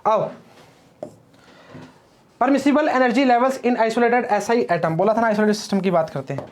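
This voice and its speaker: A man's voice: very high-pitched, unhurried, a little mellow. A man teaching physics in a casual classroom lecture, chatty and teasing as he talks straight to his students and wanders off into playful rhymes.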